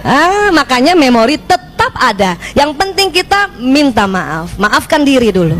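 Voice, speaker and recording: A middle-aged woman from Indonesia giving a lively parenting talk to mothers, often asking the audience questions and acting out how she scolds a child. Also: sits high, unhurried, low-quality recording.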